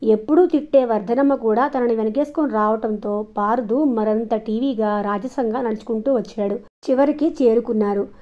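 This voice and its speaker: A woman reads a novel aloud in a steady, even storytelling voice that sits a little high. The recording is dull and lo-fi, with a muffled top end. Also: moderate pace. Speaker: audiobook narrator.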